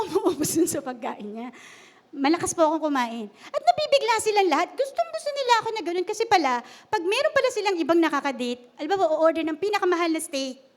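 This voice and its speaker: A woman preacher giving a humorous, conversational sermon at a church service and often asking the congregation questions. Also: very high-pitched.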